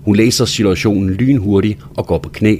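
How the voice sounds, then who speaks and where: A man reading a first-person story aloud in a hushed, intimate manner that sometimes drops to a whisper. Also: lowish voice, fairly even intonation, a little hiss or hum. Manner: hushed, intimate delivery, dropping to a whisper at times. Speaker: narrator.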